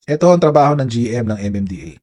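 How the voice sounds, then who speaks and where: A man with a Filipino accent giving casual live commentary to his viewers, talking in an animated way, often laughing and reading out viewer comments. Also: mid-range voice, fast. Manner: animated, laughing, addresses viewers as "mga kababayan"; reads viewer comments aloud. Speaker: political commentary vlogger.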